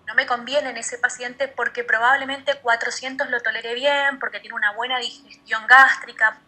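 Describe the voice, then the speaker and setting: A woman's voice: on the high side, pushed and bright, low-quality recording. A woman teaching a nutrition class online, explaining in a methodical way and repeating key terms.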